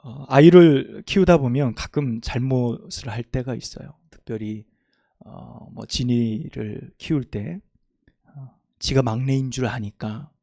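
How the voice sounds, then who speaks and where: A middle-aged man preaching a sermon as a pastor, moving from loud, emphatic passages to quiet, homely storytelling. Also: medium pitch, measured pace, vocal fry, dry recording, studio quality. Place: church sanctuary.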